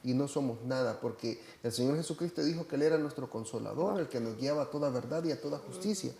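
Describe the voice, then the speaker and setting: Speaking quickly with vocal fry, a Salvadoran man with a dark, mid-range voice describes a church trip in casual chat. As a church member reporting back, he hesitates a lot, using many fillers and restarting sentences, all in a reverberant space.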